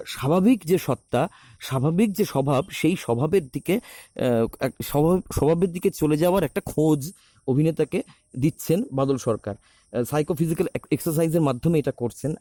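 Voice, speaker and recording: A theatre director and actor talking reflectively, with many pauses and restarts, recorded on a phone. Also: male voice, a little high, mellow, dry recording. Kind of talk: recorded talk on a podcast.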